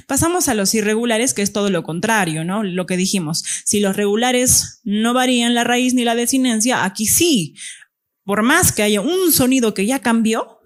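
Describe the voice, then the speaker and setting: A woman teacher giving a classroom grammar lesson, explaining step by step and often checking that the students follow. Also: medium pitch.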